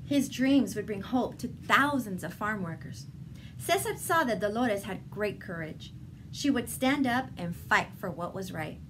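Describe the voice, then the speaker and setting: Reading a children's picture book, a storybook reader uses her mid-range voice to tell the tale slowly and expressively. The recording carries clearly noisy background ambience.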